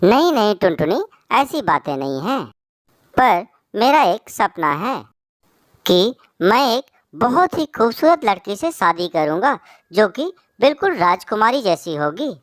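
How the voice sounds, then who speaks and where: A woman's voice: mid-range voice, sing-song, unhurried, no room sound, clean studio sound. A woman voicing a vain, fickle young male pigeon in a cartoon. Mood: dismissive.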